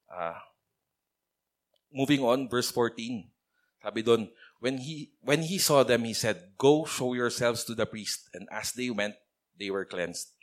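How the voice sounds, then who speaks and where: Casual low-voiced male preacher. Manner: chatty, mixes English phrases into his speech; addresses listeners by name. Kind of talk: casual conversational sermon.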